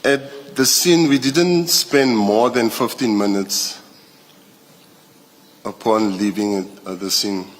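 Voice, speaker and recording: Halting South African man, slow and low. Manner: halting, hesitant, repeats and restarts phrases. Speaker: police captain testifying as a witness. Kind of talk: formal testimony at a commission hearing. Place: large indoor hearing room. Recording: echoey hearing room, long reverb.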